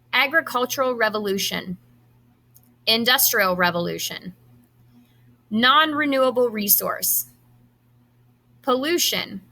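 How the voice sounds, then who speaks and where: A high school teacher reads quiz questions aloud to her students with a sharp tone, enunciating each item deliberately and adding brief instructions.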